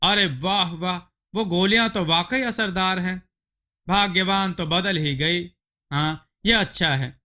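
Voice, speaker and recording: A man's voice: high voice, slow pace, pushed and bright, exaggerated voice. A man voicing a simple-minded village farmer husband in a storybook tale, fussy and full of exclamations. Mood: pleased.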